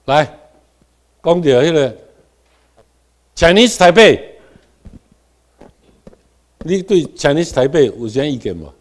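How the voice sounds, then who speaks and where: A man's voice: a little high, very animated, slow pace, long pauses. Emphatic Taiwanese man lecturing a class. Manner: Taiwanese Hokkien mixed with English terms, leads the class in repeating words; swings between quiet asides and loud emphatic stresses.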